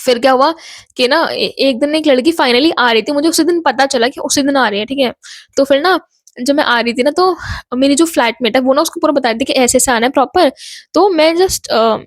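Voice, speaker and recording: Young woman vlogger, high-pitched, chatty story-time rambler, dry close sound. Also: fairly quick, no echo. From Ghaziabad, North India. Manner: chatty, rambling, mixes Hindi and English.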